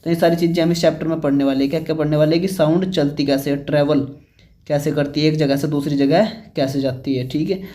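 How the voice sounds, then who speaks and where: A male teacher talks through a lesson in a relaxed, conversational way, constantly checking that the listener is following. His voice sits a little high for a man, with a warm, mellow tone. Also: fast. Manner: checks in constantly with ठीक है and भाई, asks and answers own questions. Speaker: science teacher. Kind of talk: casual classroom lesson.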